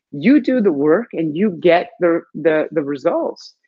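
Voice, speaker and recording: A man from Los Angeles talking casually as a guest on a podcast, relaxed and chatty, often saying "man" and "like.". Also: a little high, slow, slightly rough, no room sound, lo-fi sound. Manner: laid-back and chatty, says "man" and "like" a lot. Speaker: guest actor and musician. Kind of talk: casual interview chat.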